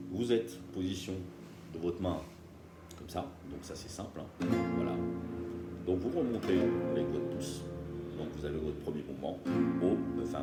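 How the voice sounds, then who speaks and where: A man teaching beginners guitar step by step, patient and often checking that viewers follow. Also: low-pitched. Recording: roomy room with loud guitar playing.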